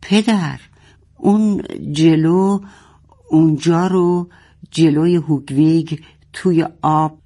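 A woman's voice: low voice, animated, darkish tone, husky, full character voice. A woman voicing an anxious child in a submarine who talks urgently and stammers.

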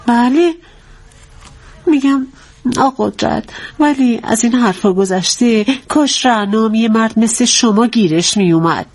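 An actress playing a coy, sweet-talking traditional housewife. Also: female voice, on the high side, a little mellow, lightly acted. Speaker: wife.

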